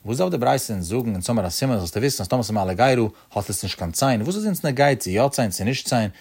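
A man gives a religious law lesson at a middle pitch. He teaches in a sing-song study cadence that rises on his rhetorical questions, then drops back to explain. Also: lively intonation, fast, a little mellow, husky.

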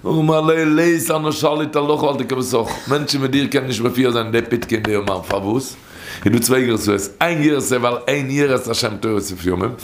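A man tells a story and teaches from a midrash, wandering and repeating as he goes. His voice is gravelly and sits at an ordinary middle pitch. A faint noise runs beneath it. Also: a little fast. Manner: rambling, repeats phrases and restarts often.

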